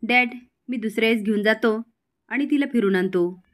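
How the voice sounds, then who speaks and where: Woman reading a hurried young man. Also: on the high side, natural voice. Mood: dismissive. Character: young man, busy, distracted son.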